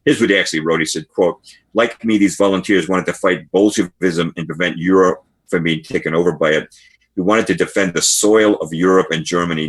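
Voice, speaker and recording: Low husky-voiced man telling history. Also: fairly bright tone. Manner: storytelling, reads passages aloud from books. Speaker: guest author. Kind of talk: podcast interview, explaining history.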